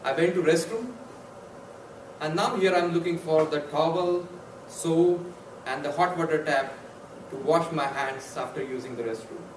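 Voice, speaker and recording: A man's voice: a little high, normal speed. A man from India with an Indian accent giving a humorous contest speech, telling stories and acting out little scenes. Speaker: club contest speaker. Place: meeting hall with an audience. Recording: echoey hall, far mic, audience noise.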